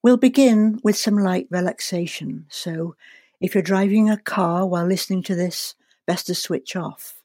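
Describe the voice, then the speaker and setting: A woman leading a guided relaxation and visualization in a calm, soothing, deliberate way, leaving long pauses. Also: fairly low pitch, no room sound, clean studio sound. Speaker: guest leading a guided meditation.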